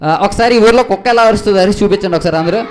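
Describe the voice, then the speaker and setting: A young man with a high voice leads a comic stage skit. He fires questions at his partner with lively exasperation and turns to the live audience now and then. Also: racing, faint music behind. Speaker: skit host and straight man.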